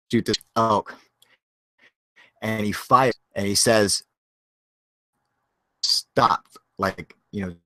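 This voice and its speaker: A man's voice: on the low side, fairly bright tone, dry recording. Man telling a rambling story, dry sound. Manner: rambling, heavy on fillers, laughs often. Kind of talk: casual storytelling.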